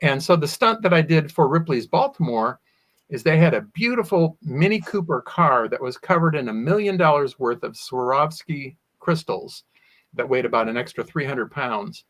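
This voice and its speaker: Here a sword swallower, guest on an interview, tells personal stories at length in an animated way, often acting out things he once said. His voice runs on the high side, a bit bright, with lively intonation at a moderate pace.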